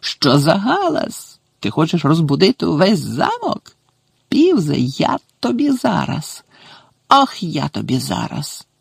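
A man voicing a breathless, shrill old male caretaker who is furious and spiteful, in an audiobook. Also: sing-song, moderate pace, darkish tone, dry recording. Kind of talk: audiobook character voice.

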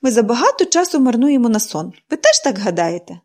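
A woman's voice: a little high, big pitch swings, a little fast, darkish tone. A woman reading a storybook and voicing a cheerful, talkative little girl who speaks eagerly. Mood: bubbly.

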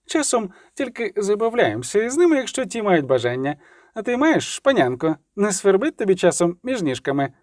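A man's voice: high voice, big pitch swings, a little fast, a little mellow, no room sound, studio quality, pitched above the performer's own voice. A man voicing a leering young male bandit who taunts and sneers in a Ukrainian audiobook. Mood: mocking.

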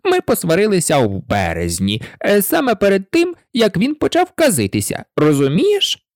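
A reader voicing an eccentric, mournful male hatter in a storybook, rambling and excitable, with frequent hesitations. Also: medium pitch, normal speed, dry recording, clean studio sound, voice pushed up. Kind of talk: storybook reading.

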